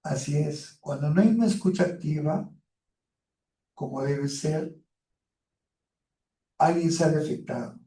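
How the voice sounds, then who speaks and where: A man's voice: on the high side, measured pace, pauses often, warm tone. A male teacher giving a classroom lecture, explaining step by step with frequent hesitant fillers. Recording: roomy echo, far from the mic.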